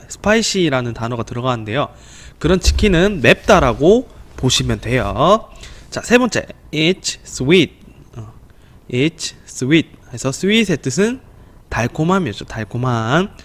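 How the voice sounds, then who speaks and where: Slow, patient Korean male teacher. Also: on the high side. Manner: patient, drawn-out word-by-word reading with pauses. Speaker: English teacher. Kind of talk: slow online English lesson for children.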